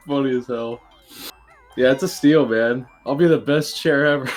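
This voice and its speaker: A man's voice: medium pitch, a little slow, soft background music. A man commentating a speedrun race, joking and swearing in casual banter, laughing often. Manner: laughs a lot, swears freely.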